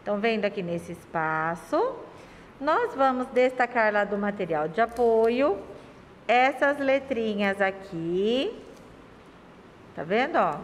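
A Brazilian woman teacher talks to young children in a slightly high, sing-song voice. She drags out syllables and keeps asking affectionate questions. The recording has a long room reverb and faint background noise. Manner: sing-song, stretches words and syllables slowly. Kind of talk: remote lesson for young children.

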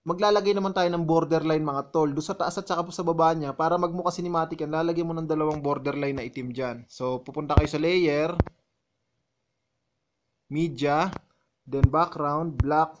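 A man's voice: on the high side, moderate pace, a little hiss or hum. Chatty male vlogger talking viewers through edits. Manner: walks viewers step by step, often calling them "mga tol". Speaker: vlogger explaining his editing. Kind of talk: casual tutorial voice-over.

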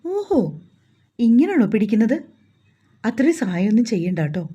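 A woman's voice: mid-range voice, very animated, moderate pace, dark tone, breathy edge. A woman playing a flustered, scolding young bride.

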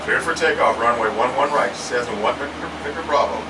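A man's voice: mid-range voice, brisk. A man making clipped, formal pilot radio calls to the tower through a cockpit headset, in a flight simulator room. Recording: distant voice with loud air-conditioning hum.

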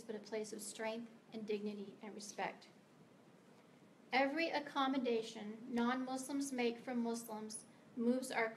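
A middle-aged woman from the United States, invited as a guest author, gives a prepared talk to a meeting in a library's meeting room. She sounds a little high, speaks with earnest emphasis, sometimes stumbles, and a slight hiss or hum runs underneath.

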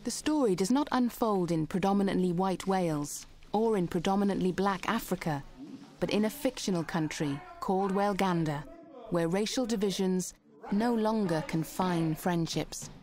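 A woman reading scripted documentary narration in a measured, even way. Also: medium pitch. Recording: music clearly under voice-over.

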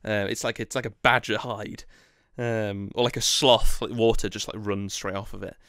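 Bright, clear-voiced young man chatting. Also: fairly low pitch, flat delivery, normal speed, dry recording, studio quality. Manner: rambling, lots of fillers and restarts. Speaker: podcast co-host. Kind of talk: casual chat.

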